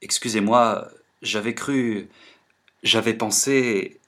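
A man's voice: lowish voice, steady tone, slow, a bit bright. Guy reading a shy flustered young man, stutters and apologizes, audiobook. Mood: timid stammering. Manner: hesitant, stammering, apologetic. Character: timid embarrassed young man, stammering.

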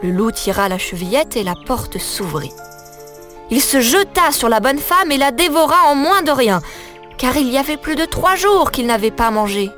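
A woman reading a fairy tale aloud as a storyteller, in a measured and expressive way. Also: high voice, soft background music.

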